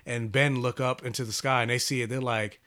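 A man in relaxed podcast chat, recapping a comic issue with plenty of "uh"s, "like"s and restarts. His voice is bright and forward, at an ordinary mid pitch. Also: fairly quick. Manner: rambling, with many fillers and restarts. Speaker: podcast host reviewing comics.

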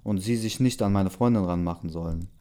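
Ein Mann liest die Rolle eines jungen Freundes, der ruhig beschwichtigt und um Verzeihung bittet. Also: male voice, low-pitched, fairly quick, natural voice. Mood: pleading. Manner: calm, pleading. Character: young man, boyfriend pleading and soothing.

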